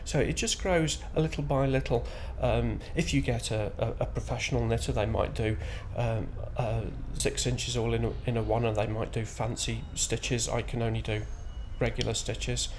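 A fifty-year-old man with a Shetland accent, giving spontaneous interview answers in a hesitant, halting way with frequent pauses. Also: mid-range voice, fairly even intonation. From Shetland, Scotland. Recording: clear background ambient noise.

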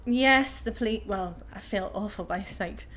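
Speaking at a normal speed in a mid-range, fairly bright voice, a thirtysomething woman from Liverpool, England, with a Liverpool accent replies to interview questions. She sounds casual and hesitant, filling her answers with many ums.

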